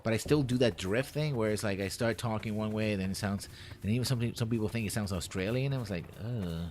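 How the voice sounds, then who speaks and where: A man's voice: lowish voice, fast talker, darkish tone, a little hiss or hum. A man casually commenting on a game he plays on a live stream, rambling and playful. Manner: rambling, playful, jumps into silly voices. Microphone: desk mic.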